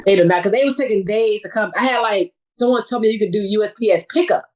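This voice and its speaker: A woman in her thirties, a podcast guest chatting casually in a relaxed way and laughing easily. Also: medium pitch, quick pace, rough recording. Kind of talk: casual chat.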